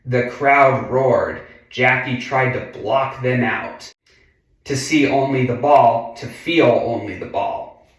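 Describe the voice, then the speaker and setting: Slow and deliberate, this adult male reader works through a children's picture book with a medium-pitched voice, sprinkling in chatty side comments and frequent murmured mm-hmms. He's recorded at a distance in a very echoey room.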